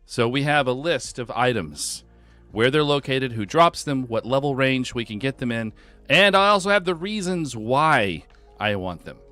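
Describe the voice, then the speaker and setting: A man's voice: mid-range voice, animated, moderate pace, bright, forceful tone, soft background music. A man hosting a game live stream from home, chatting casually and greeting viewers by name.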